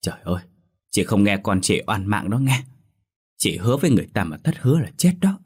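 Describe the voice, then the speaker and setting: A man's voice: low-pitched, fairly even intonation, normal speed. A man voicing an outspoken, kind-hearted middle-aged village woman, scolding and exclaiming. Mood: alarmed scolding.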